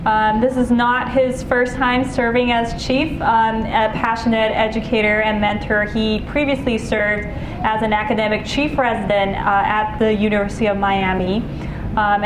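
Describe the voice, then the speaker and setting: A woman introducing a speaker at an event, reading in a halting way with many fillers. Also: mid-range voice. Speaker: event presenter. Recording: echoey hall with background noise.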